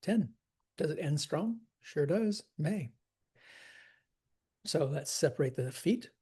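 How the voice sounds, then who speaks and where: A man teaching poetry scansion, talking slowly and thoughtfully and sounding out the rhythm of each line aloud. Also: fairly high pitch, animated, warm tone, husky. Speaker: acting teacher.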